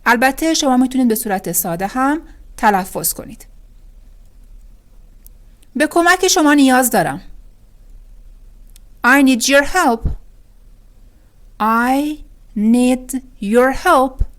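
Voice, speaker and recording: A woman teaching English phrases with translations, saying each phrase and then repeating it slowly and carefully. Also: sits high, animated. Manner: clear, careful pronunciation, drawing out words on repetition. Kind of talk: language lesson, reading phrases then repeating them slowly.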